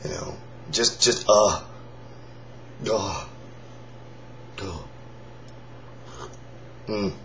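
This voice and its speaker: A tired man who has lost his voice, forcing out a raspy, whispery croak in halting, rambling casual chat to his viewers. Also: lowish voice. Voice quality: raspy, breathy whisper-like hoarseness. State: lost voice, forcing air through a strained throat. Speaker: singer in a band, vlogger. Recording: dull lo-fi sound with faint noise.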